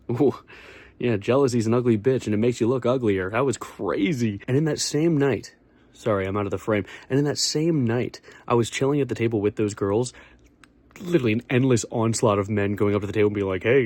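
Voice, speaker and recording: A man's voice: mid-range voice, darkish tone, no room sound. A young man talking casually to camera at home, rambling and sarcastic as he jumps between topics. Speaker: vlogger. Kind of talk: casual comedic monologue. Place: small bedroom with acoustic foam.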